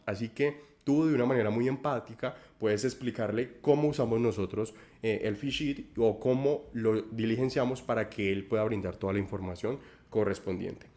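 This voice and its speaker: A man's voice: mid-range voice, darkish tone. A man giving a corporate training talk, speaking directly to listeners with advice and correcting himself now and then. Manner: many self-corrections and repeated words.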